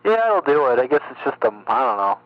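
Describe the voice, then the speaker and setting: A man talks in a relaxed way over a CB link, his voice a little mistuned and off frequency. The sound is muffled and lo-fi. A faint hum sits under it. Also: medium pitch, fast. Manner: relaxed, swears in passing. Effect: slightly mistuned radio sound, off frequency. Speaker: CB radio operator. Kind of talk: casual on-air radio chat. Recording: dull lo-fi radio with faint hum.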